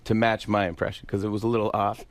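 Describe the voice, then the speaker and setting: A man chatting as a guest on a talk show, telling stories animatedly and breaking into loud impressions and laughter. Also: lowish voice, flat delivery, fast talker, no echo. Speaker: guest comedian. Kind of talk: casual talk-show chat.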